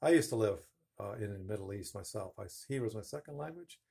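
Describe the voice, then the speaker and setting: This fast-talking, animated man has a low, creaky, dark voice with a breathy edge. He is in his fifties, hosts a woodworking channel, and gives a casual demo in his low-ceilinged home woodshop, rambling and self-correcting as he talks into a phone held at arm's length.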